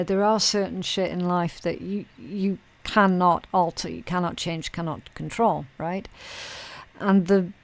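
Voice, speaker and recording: A woman's voice: fairly low pitch, no room sound. A woman hosting an informal mystical horoscope tarot reading, speaking to the viewer in a blunt, colloquial, sweary way with frequent check-in tags. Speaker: tarot reader and channel host.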